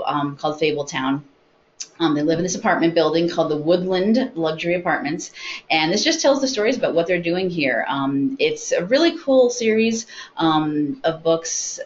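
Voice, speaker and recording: A low-voiced American woman, a library consultant and webinar host, gives an informal book talk to colleagues seated around a meeting-room table. The recording is muffled, dull and noisy, typical of conference room audio.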